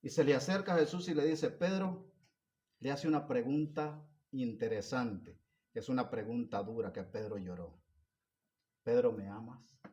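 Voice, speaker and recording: A man preaching a sermon, moving between loud emphatic stretches and soft hushed ones, asking the congregation repeated questions. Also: medium pitch, moderate pace.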